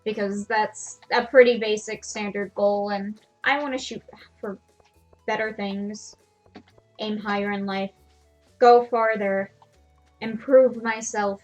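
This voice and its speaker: A woman's voice: medium pitch, fairly even intonation, unhurried, soft background music. A woman streamer giving casual, self-deprecating commentary while playing a farming game. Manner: chatty, self-deprecating, laughs at herself.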